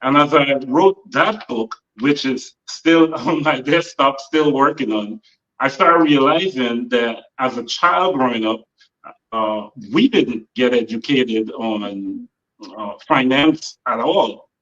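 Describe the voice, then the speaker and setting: A man's voice: mid-range voice, a bit bright. Man with a Guyanese background on a distant, dull phone mic. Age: 40s. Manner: measured, trailing off with frequent uhs. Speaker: author guest. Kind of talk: interview answers. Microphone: phone held by another person.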